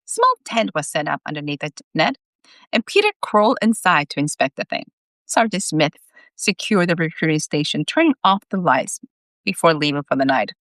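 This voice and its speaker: Expressive woman reading her own story aloud. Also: low voice, moderate pace, dry recording. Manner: chatty asides, emotional and candid.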